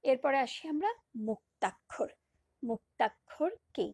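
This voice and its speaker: A woman teacher lectures with patience, repeating each example and stretching single syllables. Her fairly high voice is husky and gravelly. The sound is dry and close. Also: lively intonation, a little slow, a little mellow, dry recording. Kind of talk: recorded lecture on poetic meter.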